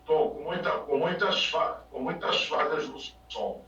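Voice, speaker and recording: A man's voice: fairly high pitch, measured pace, sharp tone. Man on a choppy, breaking-up internet call. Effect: choppy, breaking-up internet call audio. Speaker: psychologist guest. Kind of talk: live call-in talk show. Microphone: video call. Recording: dull, roomy, distant call audio.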